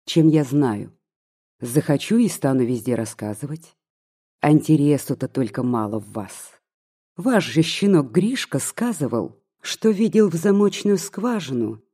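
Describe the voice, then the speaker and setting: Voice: medium pitch, warm tone, husky. A reader putting on a spiteful old maid. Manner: mocking, scolding, prying. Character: spiteful gossiping old maid, sharp-tongued.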